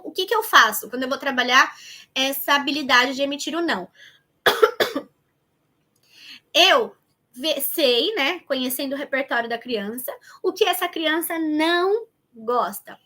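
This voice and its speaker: A woman's voice: sits high, lively intonation, measured pace, sharp tone. A Brazilian woman teaching an online lesson in a conversational way, addressing viewers directly and thinking aloud as she goes. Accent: Brazilian Portuguese. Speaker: educator teaching child development planning.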